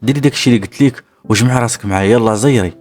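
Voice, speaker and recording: A man voicing a bold, scheming young woman in a Moroccan story, with a Moroccan accent and a loud, indignant way of complaining. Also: mid-range voice, rapid-fire, faint music behind, close to an everyday voice. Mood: bossy.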